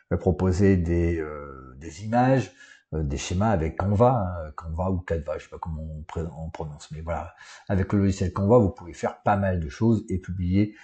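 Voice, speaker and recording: A man with a low, mellow voice teaches in a loose, conversational way. He fills his pauses with hesitations and keeps checking in with the listener. His sits easily in the plain talk of a coaching trainer. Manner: casual, many fillers like "euh" and "hein". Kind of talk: unscripted online lesson.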